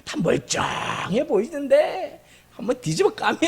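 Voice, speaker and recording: Male pastor, sermon. High voice, big swings in pitch. Emphatic, repeats lines, jokes with the congregation. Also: a little slow, gravelly. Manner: animated and emphatic, with jokes and repetition.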